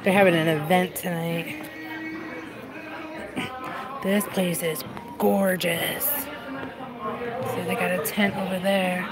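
A woman's voice: fairly low pitch, takes it slowly, pauses often, poor audio. Chatty woman vlogging outdoors over music. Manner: chatty, answers viewers with "yeah, girl". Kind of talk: casual live-streamed vlog. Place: outdoors at a vineyard. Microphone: phone held at arm's length. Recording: pop music playing outdoors behind. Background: pop music.

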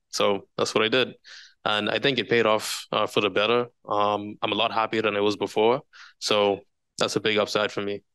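A man on an alumni panel answers plainly and directly. His voice is very crisp and bright, with little rise and fall. The sound is dry. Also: fairly low pitch, no echo. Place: large university lecture hall.

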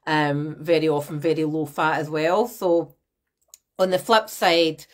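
Speaking a little slowly in a low register, this woman is a nutrition coach running a live masterclass for viewers from a small home room. Her laptop webcam mic picks up a chatty, animated manner: lots of gestures and viewers greeted by name.

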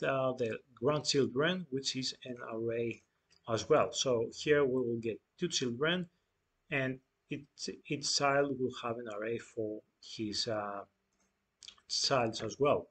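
Slow-talking young man, slightly husky. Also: medium pitch, fairly bright tone. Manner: unhurried, explaining step by step with many fillers and restarts. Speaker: data engineering tutor. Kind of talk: screen-share tutorial walkthrough.

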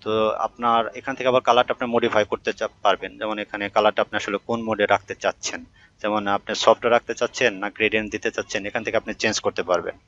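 Male tutorial instructor, low voice, quick conversational delivery, muffled home recording. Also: steady tone, a bit bright. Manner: conversational, many hesitation fillers, addresses viewer directly. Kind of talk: screen-recorded software tutorial.

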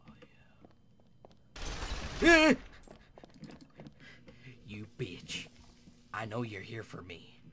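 Young male gaming YouTuber, low-ish voice, crude joking commentary, swears a lot, whispered asides, keyboard clicks in the background. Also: wildly swooping pitch, slow pace, pauses often, noisy background. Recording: keyboard clicks and typing behind voice.

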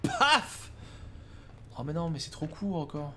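Excitable young man shouting at a game. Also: fairly high pitch, takes it slowly, slight background noise. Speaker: let's play streamer. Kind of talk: casual gaming commentary.

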